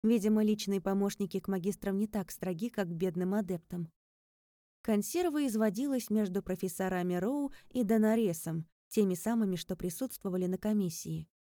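A woman narrates a first-person story with a wry edge. Her voice is warm and mellow. The recording is dry and close to the mic. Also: medium pitch, brisk, dry recording. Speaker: audiobook narrator. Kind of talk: scripted narration.

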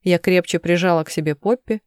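A woman narrating a first-person audiobook in a measured, steady voice. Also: on the low side, clean tone, dry recording, clean studio sound.

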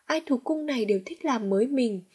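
An anxious middle-aged farm wife from a storybook, as a woman reader puts her on. She fumbles nervously for her words. Her voice is husky and breathy and sits a little high. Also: expressive, brisk, darkish tone. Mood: fumbling.

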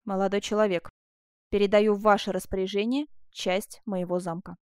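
A woman voicing a curt, gruff old nobleman. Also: mid-range voice, little pitch movement, normal speed, no room sound, clean studio sound, lightly acted. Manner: curt, brusque.

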